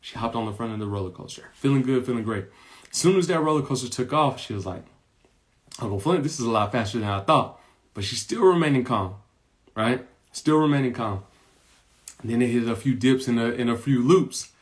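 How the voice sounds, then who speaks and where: A man's voice: medium pitch, fairly quick. Earnest man telling a motivational story. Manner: earnest, repeats points and tags lines with "right?". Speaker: podcast host.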